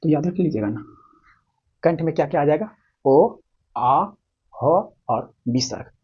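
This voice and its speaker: A man from Bihar, India, teaches Hindi grammar with a Bihari accent in a playful classroom manner, full of memory tricks, jokes, and questions for students. His voice is a little high, slightly rough, and unhurried, and he's animated; the recording sounds muffled.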